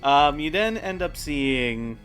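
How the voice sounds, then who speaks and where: Animated male game master. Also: on the high side, takes it slowly, faint music behind. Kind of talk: improvised tabletop game narration.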